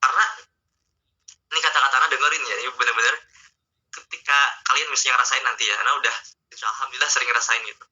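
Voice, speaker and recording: A man's voice: medium pitch, steady tone, racing, pauses often, sharp tone. A male Islamic teacher giving a casual online religious talk, speaking conversationally and coaxing his listeners directly. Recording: dull lo-fi online stream audio.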